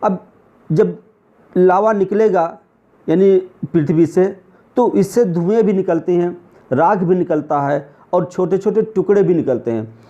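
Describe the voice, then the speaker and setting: A man's voice: sits high, unhurried, dark tone. A male teacher with a Hindi accent explaining a lesson over diagrams, often asking a question and then answering it himself. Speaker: exam coaching teacher. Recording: muffled lo-fi recording.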